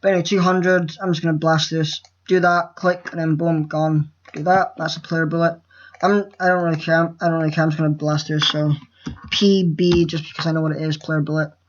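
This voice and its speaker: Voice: mid-range voice, level tone, brisk, dull audio. A nervous first-time tutorial maker who rambles, trips over words and swears casually while explaining a screen recording. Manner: nervous, rambling and self-interrupting. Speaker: game-making tutorial host.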